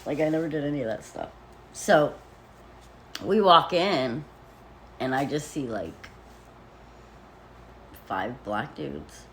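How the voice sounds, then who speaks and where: A woman recounting a personal story in a loose, rambling way, leaning on "like" and swearing bluntly. Her pitch rises and falls in lively swings. A faint hiss sits under her voice. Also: takes it slowly, long pauses. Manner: rambling, with frequent "like" fillers and nervous laughs; blunt and profane. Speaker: vlogger.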